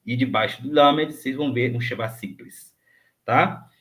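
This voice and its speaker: A man's voice: mid-range voice, moderate pace, a bit bright. A man teaching a recorded lesson, patiently repeating each word and checking in with his students often. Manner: clears throat, thinks aloud with hesitations. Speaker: Hebrew teacher. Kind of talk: recorded online grammar lesson.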